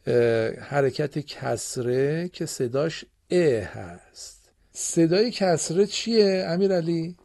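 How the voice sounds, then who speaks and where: A man's voice: on the high side, vocal fry, a little mellow. A man teaching Quran reading on a radio program in a studio, patiently quizzing and encouraging his students. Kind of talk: radio classroom lesson.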